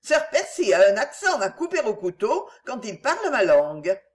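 A woman voicing a witty, ironic young French noblewoman who teases with a bright, laughing manner. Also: on the high side, very animated, moderate pace. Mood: teasing.

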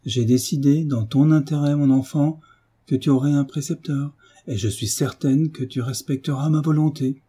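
A man's voice: mid-range voice, normal speed, breathy edge, close to an everyday voice. A man voicing a tender, firm mother. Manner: gentle, pleading, then firm.

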